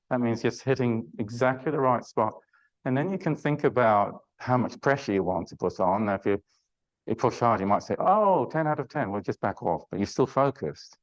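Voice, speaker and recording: A man's voice: medium pitch, low-quality recording. An older man leading a Pilates class, chatty and hesitant, with many fillers and restarts, and groaning with effort during self-massage. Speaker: Pilates instructor. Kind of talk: live online exercise class.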